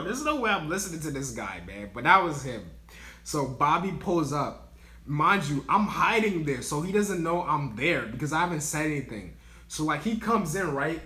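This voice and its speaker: A young man spins a laid-back storytime monologue, heavy on "like" and "yo," giggling at his own tale. His voice has a bright, forward edge at an ordinary pitch. The room around him rings with noticeable echo. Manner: laid-back slangy talk, lots of "like" and "yo", laughing as he tells it. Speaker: vlogger telling a work story. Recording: roomy echo.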